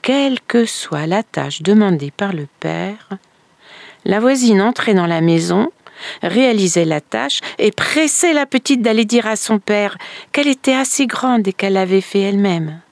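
A woman telling a folktale in a slow, expressive storytelling manner. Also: medium pitch, vocal fry, no room sound. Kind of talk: folktale narration.

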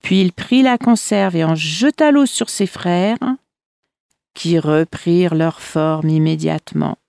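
A woman reading folk tales aloud in a measured, expressive storytelling manner. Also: lowish voice, creaky, no echo.

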